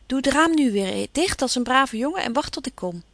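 A woman's voice: high voice, expressive, a little fast, fairly bright tone, slight background noise. A woman reading aloud, voicing a spirited, outspoken teenage girl in a storybook. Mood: cheery.

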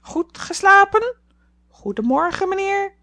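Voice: very high voice, sing-song, a little slow, pushed and bright, voice pushed up, full character voice. A reader voicing a cheeky male pet parrot that screeches and mimics phrases, in an audiobook. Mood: solemn. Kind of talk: audiobook character voice.

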